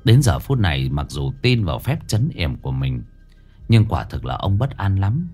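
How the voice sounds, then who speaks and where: A man's voice: sits low, sing-song, normal speed, warm tone. A man narrating a scripted ghost story in a dramatic, suspenseful way. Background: faint background music.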